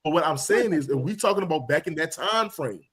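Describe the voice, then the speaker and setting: A man's voice: fairly high pitch, lively intonation, brisk, a bit bright, husky. A man on a podcast who talks with features, insisting on his point and repeating himself to hold the floor. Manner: insistent, repeats phrases, frequent "mm-hmm". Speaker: podcast co-host. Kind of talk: casual group debate.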